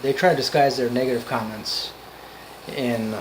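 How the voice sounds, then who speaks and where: A man giving an off-the-cuff motivational monologue, earnest and emphatic, in halting phrases that repeat for emphasis. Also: medium pitch, steady tone, background noise. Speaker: amateur motivational speaker.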